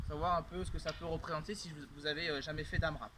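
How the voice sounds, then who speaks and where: A man's voice: fairly high pitch, steady tone, fast talker. A man coaching a home workout, explaining exercises as he demonstrates them and often checking in with "d'accord?". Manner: talks while moving through exercises, loud bursts on effort; frequent "d'accord?" checks and fillers. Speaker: fitness coach. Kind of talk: workout instruction while demonstrating. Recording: loud background noise.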